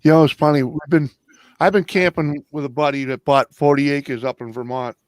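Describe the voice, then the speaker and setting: A man chatting casually on a live stream, his voice sitting a little high for a man. He rambles and keeps tossing in "you know". The sound is dry and close, with no room around it. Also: fairly even intonation, brisk, no room sound. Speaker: panel guest.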